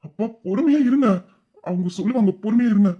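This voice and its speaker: A guilty young friend, voiced by an actor in an audio drama, stammering softly as he calms others down. The voice is husky. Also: medium pitch, fast, dull audio, close to an everyday voice. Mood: soothing. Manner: hesitant, stammering.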